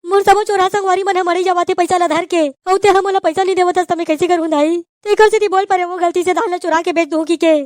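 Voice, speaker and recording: A woman's voice: extremely high pitch, steady tone, fast talker, few pauses, no room sound, studio quality. A woman voicing a whiny, lovesick young village man in a cartoon, with a Chhattisgarhi accent and a pleading, complaining way of talking. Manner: pleading and whining. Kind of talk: cartoon voice acting.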